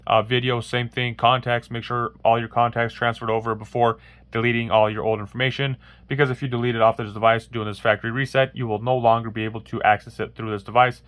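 A man's mid-range voice comes across flat, fast and a bit bright, with no room sound. He narrates a hands-only phone demo at an indoor wooden table. The tutorial is loose and rambling, with frequent fillers and restarts.

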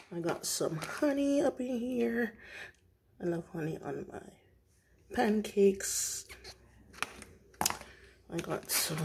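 A woman showing off her grocery haul in a casual vlog from her kitchen, unhurried and pausing often with "um". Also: fairly low pitch, creaky. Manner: unhurried, with frequent pauses and "um" fillers. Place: home kitchen, indoors. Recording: packaging noise over the voice. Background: crinkling plastic packaging.

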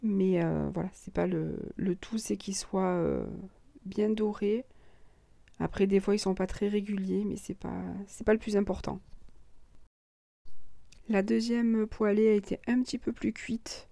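A hoarse woman who has lost her voice, calmly narrating a recipe step by step as a cooking host. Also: medium pitch, measured pace, no room sound, clean studio sound. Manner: calm step-by-step instructions.

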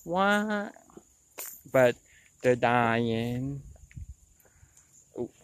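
Speaking extremely slowly, this twenty-something vlogger has a medium-pitched voice with lively intonation and a clear, resonant tone. He chats casually to his "y'all" audience from a nature trail. A clip-on lapel mic records him outdoors.

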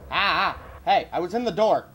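A man playing a horror game and commenting as he goes, swearing a lot and yelping and shouting when he gets scared. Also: high-pitched, expressive, moderate pace, soft background music. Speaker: gaming YouTuber.

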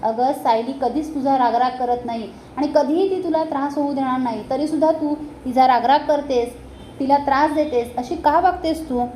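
A woman's voice: high-pitched, normal speed, dark tone, roomy sound, slight background noise, natural voice, low-quality recording. A woman voicing a stern middle-aged father-in-law who scolds at length. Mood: scolding.

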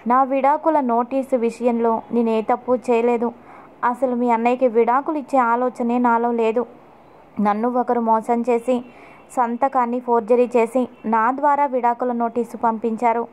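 A woman's voice: fairly high pitch, level tone, moderate pace, a little mellow, close to an everyday voice. A woman reading an anxious young wife. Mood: urgent. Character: distressed young wife hiding the truth.

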